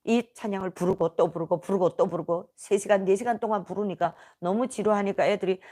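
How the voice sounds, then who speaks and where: A woman's voice: medium pitch, steady tone, brisk, mellow. A woman with a North Korean accent giving an earnest, emotional personal faith testimony. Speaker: testimony speaker.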